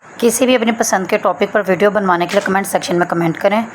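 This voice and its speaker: Woman doing a phonics lesson, says words real slow bit by bit, patient, mid pitch. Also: slight background noise. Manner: slow, careful breaking of words into parts; patient, instructive explaining. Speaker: English teacher. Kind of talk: bilingual phonics lesson for parents.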